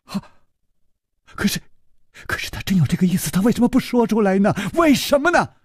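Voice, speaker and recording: A man's voice: high voice, sing-song, fairly quick, husky, no echo, clean studio sound, pitched above the performer's own voice, full character voice. A man voicing a timid, tearful young male servant who stammers and pleads.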